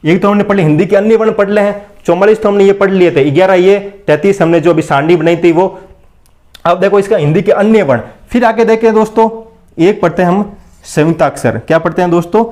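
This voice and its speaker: A man's voice: sits high, fast, darkish tone. A man teaching an exam-prep lesson, repeating each question and answer in call-and-response drills and keeps calling his listeners friends. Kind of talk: blackboard lesson for exam preparation.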